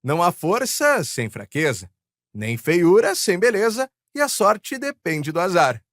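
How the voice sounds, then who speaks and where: A man recites a rhyming poem with a lilting, expressive delivery. His voice swings widely up and down and sits a bit high for a man. The sound is close and dry, with no room echo. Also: measured pace. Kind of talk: poetry recitation.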